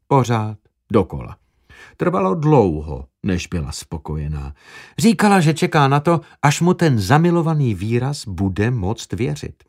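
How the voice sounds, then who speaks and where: A man narrating an audiobook with expressive storytelling. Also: medium pitch, breathy edge.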